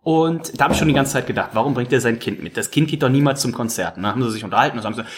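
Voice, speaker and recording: A man hosting a casual podcast, telling rambling, animated stories. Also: mid-range voice, rapid-fire, a little hiss or hum. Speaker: podcast host. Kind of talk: casual chat.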